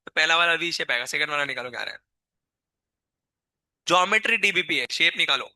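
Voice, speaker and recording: A male chemistry teacher lectures a live class through a sore, strained throat. His voice sits fairly high and comes out very sharp and forceful, in a dry, close sound. He keeps firing questions at his students and scolding them. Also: animated, a little fast, no echo. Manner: quizzes and scolds students, calls them child.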